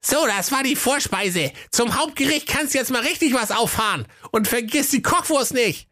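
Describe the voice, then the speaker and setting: A man's voice: extremely high pitch, expressive, normal speed, pushed and bright, voice pushed up, heavily acted. A man voicing a sulky, skinny, always-hungry boy in a comedy fairy-tale audio story. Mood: demanding. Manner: whiny, sulky.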